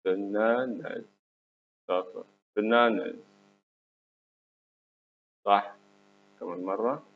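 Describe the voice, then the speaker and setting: An Egyptian man teaches children new English words, saying each one for them to repeat and praising them as he goes. He talks slowly in a lowish voice. The sound is tinny and phone-like, with a faint hum underneath. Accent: Egyptian Arabic.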